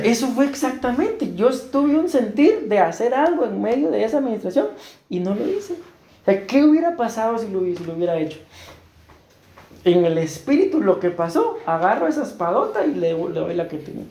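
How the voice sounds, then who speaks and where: A man's voice: high-pitched, very animated, normal speed, creaky, warm tone. A middle-aged man with a Costa Rican accent, preaching a sermon as pastor and earnestly asking his congregation rhetorical questions. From Costa Rica. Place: church hall. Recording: roomy church echo.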